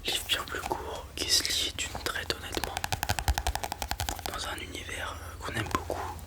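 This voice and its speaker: Someone in a whispered role-play as a librarian, speaking in a soft library whisper while presenting and reading from books. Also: a little slow. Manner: reads blurbs aloud, then comments informally with hesitations. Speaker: ASMR creator playing a librarian presenting books.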